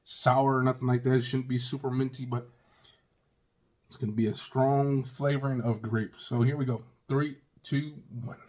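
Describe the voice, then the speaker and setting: Husky man hosting a casual taste test. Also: medium pitch, steady tone, normal speed, a little mellow. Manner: exclamatory, talking directly to viewers. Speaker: video host.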